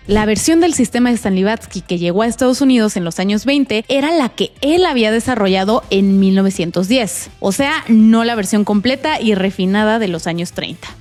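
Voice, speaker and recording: A woman's voice: fairly high pitch, darkish tone. A young woman with a Mexican accent hosting a casual film commentary vlog, slangy and playful with jokey asides, recorded in a provisional home spot. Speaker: film vlogger and host.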